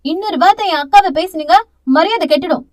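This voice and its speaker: Brief: woman playing brash young sister, quick retorts, high bright voice, dry. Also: dry recording. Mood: defiant.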